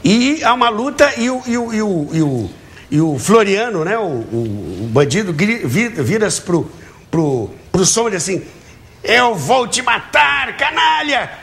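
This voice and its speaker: With a high, sing-song voice at moderate speed, this Brazilian guest entertains a talk show host with animated stories, acting out what people said in a jolly manner. The recording comes from a TV studio with an audience and is noticeably noisy.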